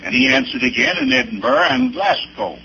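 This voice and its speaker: An Arkansas pastor in his 70s or older gives a personal testimony full of anecdotes in a preaching style. His creaky voice is very high, pushed and bright, with wildly swooping pitch, and he speaks deliberately and haltingly, emphatically spelling out dates and places. The old recording sounds dull, with faint noise.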